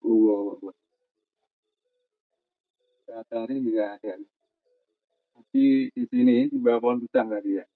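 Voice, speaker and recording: A man, filming himself camping alone outdoors at night, narrating in a tense hush and muttering prayers. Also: lowish voice, fairly even intonation, normal speed, pauses often, no room sound, narrow, tinny audio. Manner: tense, repeats short urgent calls to listen; muttering prayers under breath. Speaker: solo camping vlogger. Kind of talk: hushed on-the-spot night vlog narration.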